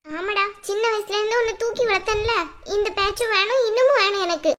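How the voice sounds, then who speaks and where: A woman's voice: very high voice, brisk, a bit bright. A woman voicing a stern older aunt who scolds her nephew bluntly in a family drama skit. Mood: scolding.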